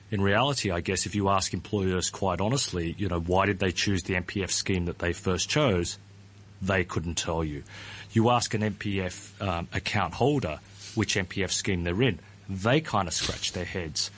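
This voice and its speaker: An Australian man who founded a pension ratings firm is interviewed as a guest about pensions. His voice is low-pitched at a moderate pace, and he hedges, often opens with "look," and repeats his words.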